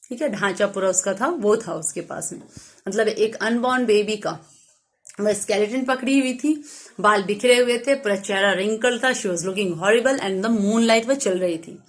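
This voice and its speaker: A young woman teacher retelling and explaining a story for a class, mixing in English lines and pausing to gloss words. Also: a little high.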